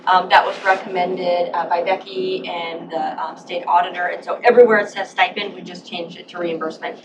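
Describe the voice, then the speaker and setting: A woman on county staff explaining policy updates to a board, clear and explanatory with some fillers. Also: fairly low pitch, fairly even intonation, brisk. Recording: distant mic with background noise.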